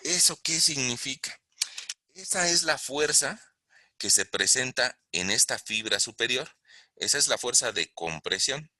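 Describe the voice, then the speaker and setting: A man's voice: medium pitch, expressive, measured pace, sharp tone, no echo, clean studio sound. A man giving a recorded online engineering lesson, explaining step by step and asking the class questions. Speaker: engineering lecturer. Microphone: close mic while writing on a tablet.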